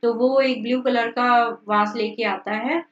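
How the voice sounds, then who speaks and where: Woman teacher with a fairly high voice, retells a story line by line in casual words, muffled recording from a distance. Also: steady tone, measured pace. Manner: reads lines then re-explains in casual words. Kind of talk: explaining a story lesson.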